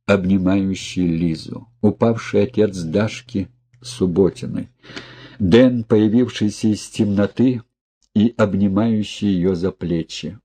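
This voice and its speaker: A man reading a thriller novel aloud as an audiobook narrator in a steady, even storytelling manner. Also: lowish voice, breathy edge. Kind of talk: scripted narration.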